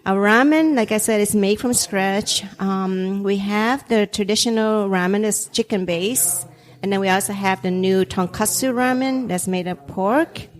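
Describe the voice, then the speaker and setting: A woman with a mid-range voice speaks a little slowly. She's a restaurant owner whose first language is Vietnamese, chatting casually in an interview with lots of ums and easy laughter.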